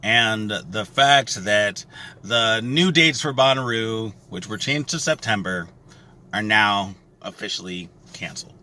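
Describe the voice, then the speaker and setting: A man's voice: on the low side, unhurried, sharp tone. A man speaking casually and earnestly to his viewers as a music festival vlogger, with emphatic phrasing. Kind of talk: casual to-camera vlog.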